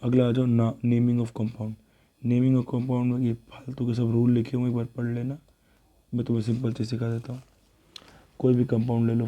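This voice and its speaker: In a mellow, mid-range voice, a man runs a chemistry revision lesson, walking students through worked examples step by step. He calls them beta, thinks aloud, and corrects himself along the way.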